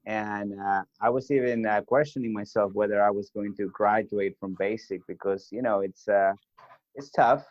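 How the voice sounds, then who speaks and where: Low-voiced man with a Peruvian Spanish accent. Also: fairly even intonation, normal speed, darkish tone, no room sound, muffled recording. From Peru. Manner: friendly and talkative, many fillers. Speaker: guest, army veteran. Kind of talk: casual interview storytelling.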